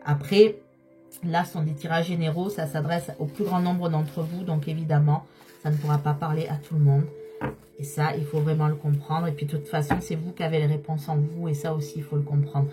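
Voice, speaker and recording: A slightly hoarse woman giving a tarot reading, speaking straight to her viewers and repeating key phrases for emphasis. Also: low voice, level tone, brisk, mellow, faint music behind. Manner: repetitive, emphatic, addresses viewers directly. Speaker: tarot card reader.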